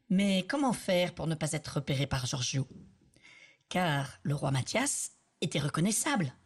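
A woman narrating a children's story with an expressive, animated reading. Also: on the low side, breathy edge.

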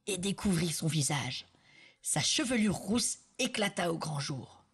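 Husky, lively woman telling a fairy tale. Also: sits low. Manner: expressive, animated reading. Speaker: storyteller. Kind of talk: children's storybook narration.

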